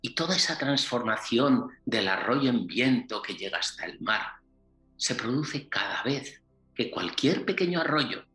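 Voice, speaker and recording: A man, a workshop facilitator, telling a traditional tale in a slow, deliberate way with many repetitions. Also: mid-range voice, expressive, pushed and bright. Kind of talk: storytelling to open a workshop. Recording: roomy echo, faint music.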